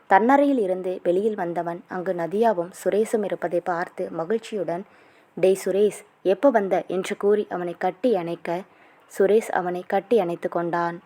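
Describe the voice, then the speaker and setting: A woman's voice: on the low side, normal speed, warm tone. A woman narrating a romance novel as a story, reading all the characters' lines in her own voice with small shifts.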